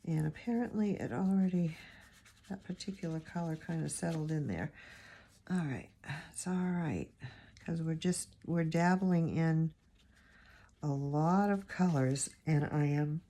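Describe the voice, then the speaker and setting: A woman watercolor teacher talks through a tutorial at a measured pace, her low, gravelly voice hoarse and raspy from allergies, with a dark, mellow tone. She rambles and thinks aloud while painting, recording into a phone camera.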